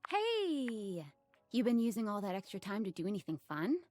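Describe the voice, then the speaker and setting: Incredulous, casual gal pal for a game, voiced by a woman: expressive pitch swings, close dry sound. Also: moderate pace, dry recording, soft background music, close to an everyday voice. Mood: curious, friendly. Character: casual, sardonic, incredulous best friend. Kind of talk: video game character acting.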